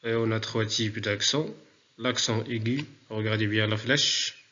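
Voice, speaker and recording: A man teaching a remote spelling lesson to pupils, speaking deliberately and repeating words for dictation. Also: on the low side, bright, forceful tone, muffled recording.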